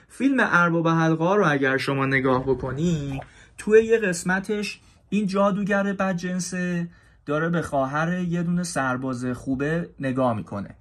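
A man teaching an English grammar class, explaining in Persian and saying each English example slowly and carefully, with questions to his students. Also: sits high, fairly bright tone. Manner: talks straight to students, asks them questions.

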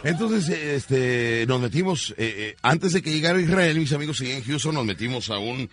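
A man's voice: medium pitch, moderate pace. Radio guy telling a joke story, laughing, studio with crowd noise. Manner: animated, laughing, mimics voices in anecdotes. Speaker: radio show host.

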